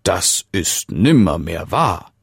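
Old storybook king, coaxing and questioning, lively deep voice, read by a man. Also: takes it slowly, breathy edge, no room sound, clean studio sound, full character voice. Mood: doubting. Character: old king, kindly but suspicious.

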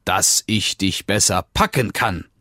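A man's voice: low voice, measured pace, dry recording, studio quality, heavily acted. A man voicing a sly, scheming male wolf in a storybook reading, with a coaxing, wheedling manner. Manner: wheedling, coaxing, sometimes hushed whisper.

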